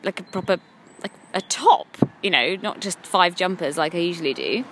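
A woman's voice: normal speed, noisy background. A woman in her thirties with an English accent, talking candidly to camera from a parked car, rambling and self-critical. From England. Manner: frank, rambling and self-critical, with lively swings in pitch. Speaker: vlogger. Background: passing cars.

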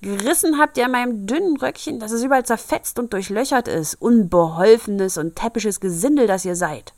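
A woman's voice: fairly high pitch, brisk, a little mellow, dry recording, voice pushed up, lightly acted. A woman voicing a bad-tempered, grumbling male dwarf who screeches and scolds in a storybook reading. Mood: scolding.

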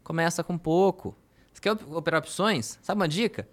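A man from Brazil hosting a casual podcast conversation, talking quickly and emphatically and agreeing often. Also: on the high side. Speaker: podcast host.

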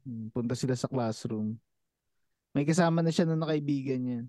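A married man co-hosting a podcast, telling a spooky school story in a relaxed, teasing way that often trails off quietly. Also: mid-range voice, normal speed, no echo. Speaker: podcast co-host. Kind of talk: casual chat, storytelling.

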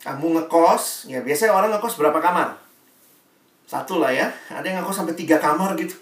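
A man's voice: on the high side, a little fast. A man preaching a sermon, telling a vivid story and acting out the characters in it. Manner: animated, acts out characters in an illustration. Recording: roomy hall sound, voice a bit distant from mic.

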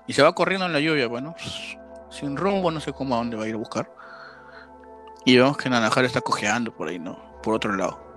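A man's voice: medium pitch, fast, fairly bright tone, faint music behind. A man, co-hosting a casual podcast and retelling a film plot step by step.

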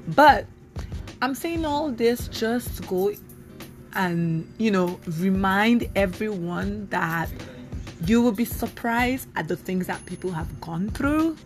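A woman's voice: mid-range voice, takes it slowly, faint music behind. A woman in her thirties hosting her own podcast, talking casually and animatedly with plenty of fillers. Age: 30s. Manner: chatty, animated, with many fillers. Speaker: podcast host. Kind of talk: casual solo podcast talk.

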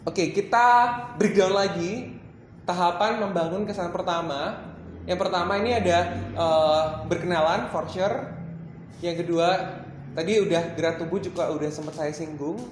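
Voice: mid-range voice, normal speed, a little hiss or hum. Chatty presenter in an echoey room. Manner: chatty, mixes in English phrases, many fillers. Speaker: workshop presenter. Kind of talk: casual training talk to a live group. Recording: roomy echo.

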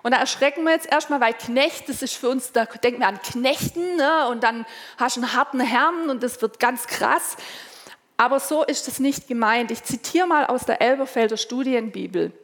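High-voiced woman preaching in a hall. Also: normal speed, fairly bright tone. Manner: conversational, asks the listeners direct questions and voices imagined prayers. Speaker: pastor. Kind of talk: sermon.

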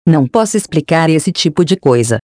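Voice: mid-range voice, expressive, brisk, a little mellow, no echo, studio quality, close to an everyday voice. A Brazilian narrator voicing a sarcastic, taunting repulsive spirit in an audiobook. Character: sneering repulsive spirit, mocking and cruel.

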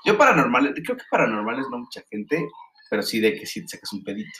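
Young mexican dude cohosting, telling stories all animated and slangy. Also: male voice, medium pitch, fast, vocal fry. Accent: Mexican Spanish. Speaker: podcast co-host. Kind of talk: casual chat.

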